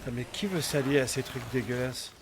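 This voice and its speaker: A man's voice: medium pitch, brisk, background noise. A man giving casual, slangy gameplay commentary in an informal manner. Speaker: gamer commenting on own play.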